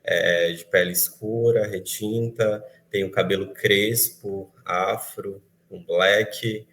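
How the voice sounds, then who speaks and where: Slow, deep-voiced young man. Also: steady tone, fairly bright tone. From São Luís, Maranhão, Brazil. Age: young adult. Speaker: filmmaker, panel guest. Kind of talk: self-introduction on a panel.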